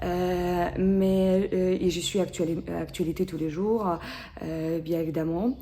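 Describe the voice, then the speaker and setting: Answering interview questions in a halting way with many fillers and restarts, a Ukrainian-accented woman in her thirties speaks in a fairly low, steady, warm voice. Slight background noise can be heard.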